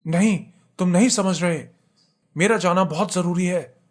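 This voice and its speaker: A frightened young wife, voiced by a man, pleads through tears in a spoken horror story. Her voice sits higher and louder than the narrator's, and it strains with desperation. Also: slow pace, vocal fry, heavily acted. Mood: desperate. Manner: crying, pleading, shouting.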